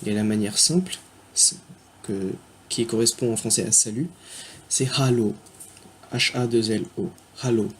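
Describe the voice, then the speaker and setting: A man's voice: lowish voice, a bit bright. Man giving a hesitant language lesson. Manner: spells letters and words aloud slowly, with frequent hesitations. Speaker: language teacher. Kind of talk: unscripted video lesson. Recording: faint background noise.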